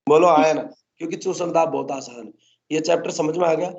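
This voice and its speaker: A man's voice: a little high, fairly quick, creaky, darkish tone, lo-fi sound. A male botany teacher lecturing a class, constantly coaxing the students to answer his questions.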